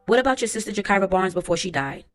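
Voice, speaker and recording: A woman reads as a trial lawyer working through careful, formal questions. Her pitch stays in the middle range, with a level transcript-reading delivery over faint background music. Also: lively intonation, very fast, lightly acted. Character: courtroom lawyer questioning a witness. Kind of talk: transcript read-aloud.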